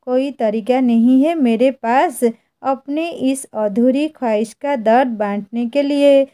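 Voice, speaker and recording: A woman reading out a sad young wife's letter, soft and wistful. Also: high voice, takes it slowly, smooth.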